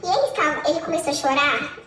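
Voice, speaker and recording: A woman's voice: animated, bright, forceful tone, echoey room, distant mic. A woman with a Brazilian Portuguese accent, telling her own story as an interview guest, quoting what others said. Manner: high, quick, quotes others as she tells it. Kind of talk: recounting a personal story.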